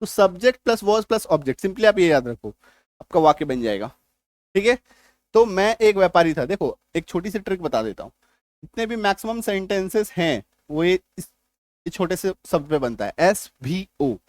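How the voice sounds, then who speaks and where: High-voiced man teaching grammar, dry sound. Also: very animated, moderate pace, dry recording. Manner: explains step by step, often checks "clear?". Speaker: English teacher. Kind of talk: grammar lesson.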